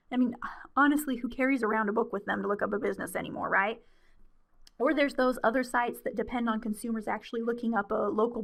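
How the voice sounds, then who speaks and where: Woman, webinar presenter, slightly high pitch, friendly conversational delivery, fillers, voice wearing thin. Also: creaky, a bit bright. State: losing her voice.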